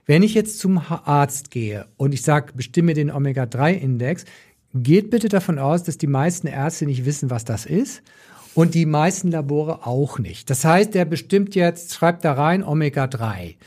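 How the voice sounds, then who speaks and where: A man's voice: on the high side, lively intonation, a little slow, darkish tone. A man explaining as an expert in podcast conversation, emphatic and opinionated, repeating points for stress. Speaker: nutrition doctor, podcast expert.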